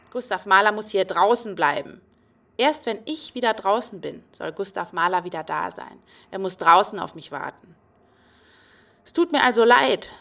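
A woman's voice: mid-range voice, a bit bright, distant mic. An agitated, paranoid patient rambles and repeats herself obsessively in a radio play monologue. She is recorded a little way back from the microphone.

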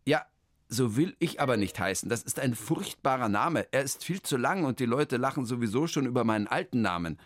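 A man's voice: mid-range voice, animated, a little fast, no echo, clean studio sound, voice pushed up, close to an everyday voice. A man voicing a flustered, stammering male concert pianist in a children's story. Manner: hesitant, stammering.

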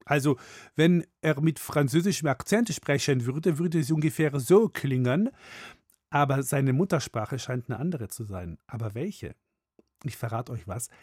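A man hosts a children's audio show, turning to the young listeners to explain and ask them questions. His voice sits at an ordinary pitch and is recorded dry and close. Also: lively intonation, measured pace, a little mellow, breathy edge, no echo. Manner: direct, addresses listeners, quizzing. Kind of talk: friendly explaining to kids.

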